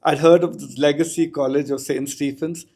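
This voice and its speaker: Man, middle-aged, Indian accent, slightly raised pitch, reflective, articulate, anecdotal interview talk. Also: fairly even intonation, normal speed, creaky, mellow. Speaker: podcast guest, school educator.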